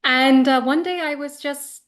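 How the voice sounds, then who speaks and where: A woman in her thirties tells a personal spiritual story as an interview guest. Her voice sits a little high. She speaks earnestly and chattily, with frequent fillers and quick restarts. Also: fairly bright tone. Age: 30s.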